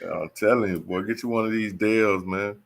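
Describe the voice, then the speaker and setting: A man's voice: lowish voice, normal speed, vocal fry. A man joining a casual live-stream chat with easy, laid-back banter.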